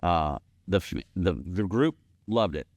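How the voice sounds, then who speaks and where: A man in his fifties co-hosts a podcast in casual chat. He has a somewhat low voice and an easygoing, wry way of talking. The recording is close and dry. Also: animated, measured pace, darkish tone, no room sound. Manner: easygoing, wry, chiming in with asides. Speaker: podcast co-host.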